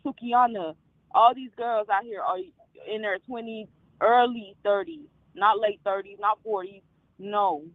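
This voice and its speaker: Twenties woman calling in on the phone, candid, kinda halting, trails off, tinny phone sound. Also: medium pitch, fairly even intonation, no room sound. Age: 20s. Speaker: caller. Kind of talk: call-in talk.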